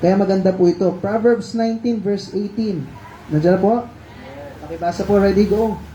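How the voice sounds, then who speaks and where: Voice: medium pitch, moderate pace, background noise. A preacher with a Filipino accent giving a conversational Taglish sermon, politely coaxing the congregation with questions and cues to read verses aloud. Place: church hall. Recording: dull, echoey church livestream audio.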